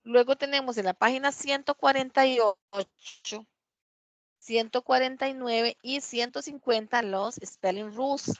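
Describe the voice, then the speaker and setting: A woman's voice: fairly high pitch, no room sound. Woman teacher reading English examples. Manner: reads English examples aloud slowly, checks with "¿verdad?". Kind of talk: classroom grammar explanation. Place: classroom.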